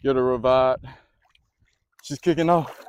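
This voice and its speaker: An excitable man narrates his own fishing outdoors by a pond. He is out of breath and keeps exclaiming, talking straight to the camera. There is a faint hiss of noise behind him. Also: mid-range voice, a little slow, highs cut off. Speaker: fishing vlogger.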